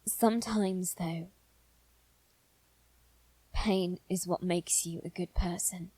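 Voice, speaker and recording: In a scripted roleplay addressed to the listener, a woman voices a haughty yet protective young nobleman boy, speaking hesitantly and gravely and often repeating the start of phrases. Her lowish, mellow voice is slow and steady, with a somber, earnest mood. The audio is poor, with no room sound.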